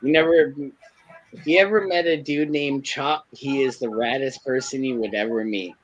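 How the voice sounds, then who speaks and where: Thirties male, casual podcast co-host, rambling, profane, excitable delivery. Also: mid-range voice, normal speed, lo-fi sound. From California. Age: 30s. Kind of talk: casual chat.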